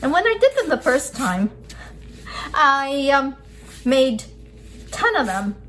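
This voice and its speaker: This high-pitched, somewhat bright woman sounds very animated yet speaks slowly, and the audio is poor. As an instructor, she gives a laid-back cooking demo at an indoor work table, explaining her hand work step by step over clear kitchen ambience.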